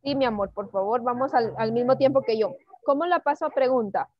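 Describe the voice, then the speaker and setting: A woman leads an online English lesson with a high, bright voice, patient and coaxing as she mixes Spanish with English. The sound is dry and a little dull. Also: fairly quick, no echo. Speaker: English teacher. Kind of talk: online class teaching.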